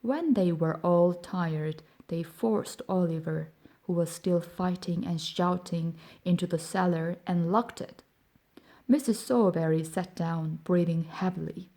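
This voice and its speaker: A woman reads a classic novel aloud, gentle and measured, sometimes sinking almost to a whisper. Her voice is mellow and lowish, and she takes her time. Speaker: audiobook narrator. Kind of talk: audiobook narration.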